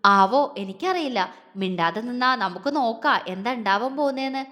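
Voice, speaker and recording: A woman voicing a tender young man who speaks gently and affectionately to comfort his beloved. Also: on the high side, lively intonation, moderate pace, long reverb tail. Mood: playful whisper.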